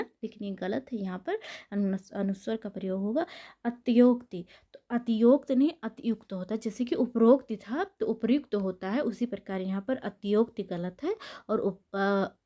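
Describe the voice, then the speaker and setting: A woman teaching a spelling lesson for exam preparation, with frequent repetitions and quick self-corrections. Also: fairly high pitch, mellow. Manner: repeats words, frequent "ठीक है" and self-corrections.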